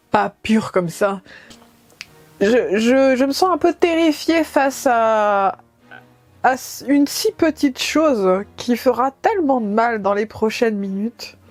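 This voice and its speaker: A woman's voice: fairly high pitch, darkish tone, dry recording. A woman talking casually to camera as a vlogger, with a wry, playfully dramatic way of speaking. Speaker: vlogger doing a food challenge.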